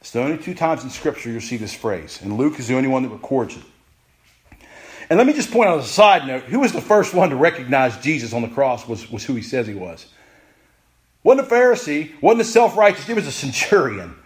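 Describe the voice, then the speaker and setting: A man preaching a sermon, emphatic and repeating phrases, at times rushing and at times slowing right down. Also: medium pitch, big pitch swings. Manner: emphatic, repeats phrases, pace swings from rushed to slow. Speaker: pastor.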